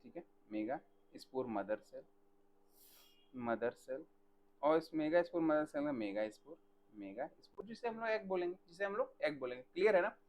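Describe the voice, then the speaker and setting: A man teaching botany in a live online class, asking students questions by name and dictating answers slowly. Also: on the high side, animated, slight background noise.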